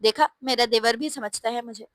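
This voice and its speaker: A spirited young wife from a storybook, quick to bristle when she is teased, read by a woman. Her slightly high voice sounds close and dry. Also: no echo, close to an everyday voice.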